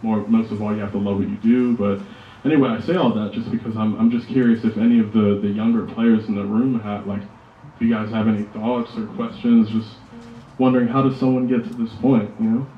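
Deep-ish man, halting casual speech, dull sound in an echoey shop. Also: fairly even intonation, slight background noise. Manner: hesitant, many fillers like "you know" and "like". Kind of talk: casual remarks to an audience. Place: music shop, indoors. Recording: echoey room from far off, dull lo-fi.

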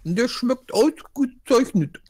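A woman chats in character during a tabletop game. Her voice is high, and she draws her words out deliberately at a slow pace. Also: lively intonation, darkish tone, breathy edge. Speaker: tabletop role-play player.

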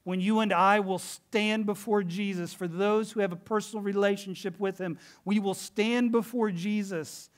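A man's voice: high-pitched, steady tone, normal speed, hardly any pauses. A middle-aged man preaching a sermon in a church, telling stories in an earnest, emphatic way. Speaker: pastor. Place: church sanctuary.

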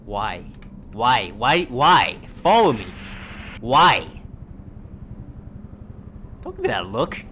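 A young man playing a horror game, swearing, yelling and pleading at jump scares. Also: medium pitch, sing-song, extremely slow, long pauses. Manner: jumpy, profane, yells and pleads at the game. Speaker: gaming YouTuber. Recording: noisy background.

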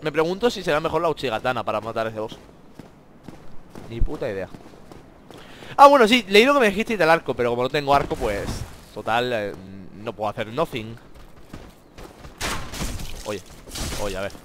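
A man with a Spain Spanish accent giving excitable let's-play commentary, swearing a lot and talking to the enemies on screen. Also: mid-range voice, normal speed, pauses often, a little hiss or hum. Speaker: gamer playing a video game.

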